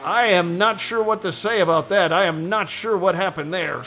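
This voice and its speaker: A man calling a sim racing event as play-by-play commentator, excitable and quick to exclaim. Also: sits high, slight background noise.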